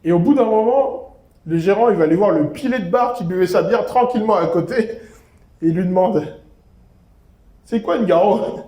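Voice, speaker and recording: A man's voice: high voice, a little fast, warm tone. A young man from Seine-et-Marne in France, doing a self-mocking stand-up set on a comedy club stage. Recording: roomy club echo.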